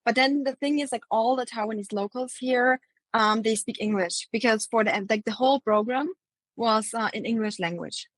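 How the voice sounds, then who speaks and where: A woman's voice: on the high side, moderate pace, no room sound, low-quality recording. A young woman from Austria, a marketing agency founder, speaking English as a guest in a casual interview, with plenty of ums and likes. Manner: relaxed, many fillers like um and like.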